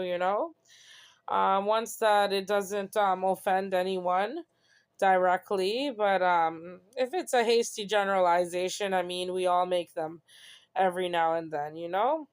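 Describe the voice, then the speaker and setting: A young woman speaks in a casual personal monologue, earnest and reflective, often tagging her thoughts with "you know." Her voice is smooth and resonant, sitting at an ordinary middle pitch. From Canada. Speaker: host.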